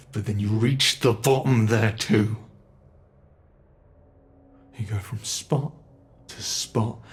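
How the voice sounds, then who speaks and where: In an ASMR horror roleplay, a man with a fairly low voice plays an ancient, immortal monster lurking under the bed. His monologue is slow, brooding, and gravelly.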